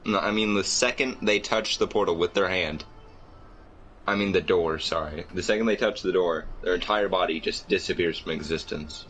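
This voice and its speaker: A man narrating as game master of a tabletop game, halting often with uhs. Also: sits low, fairly bright tone, slight background noise, rough recording.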